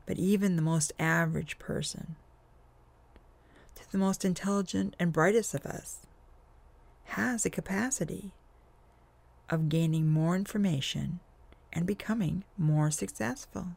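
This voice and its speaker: A man leading a guided hypnosis session, with slow, soothing, drawn-out phrasing that often falls to a soft whisper. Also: high voice, creaky, no room sound.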